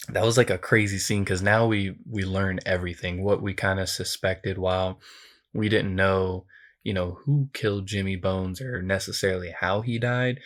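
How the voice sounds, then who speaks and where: Deep-voiced man recapping a movie casually. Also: normal speed. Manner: relaxed storytelling with many fillers. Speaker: podcast co-host.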